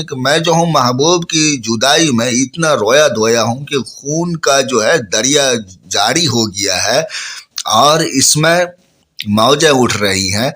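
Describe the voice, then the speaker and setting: A man teaching a ghazal. He recites each couplet slowly, then explains it plainly to his listeners, and has a bit of a cough. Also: mid-range voice, a bit bright. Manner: addresses listeners as friends. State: coughing, slightly hoarse. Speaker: Urdu poetry teacher.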